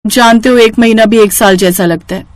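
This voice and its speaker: A woman voicing an impatient, sharp-tongued young wife and daughter-in-law in a cartoon story, speaking high and insistent. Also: normal speed, no echo, natural voice. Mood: pleading, upset.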